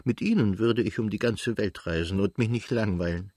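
A man's voice: on the low side, normal speed, darkish tone, no echo, clean studio sound, natural voice. A man voicing an elderly aristocratic countess, a doting and chatty mother, in a literary audiobook.

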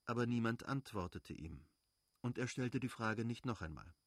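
A man reading a novel aloud as an audiobook narrator, calm and measured. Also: medium pitch, no echo, clean studio sound.

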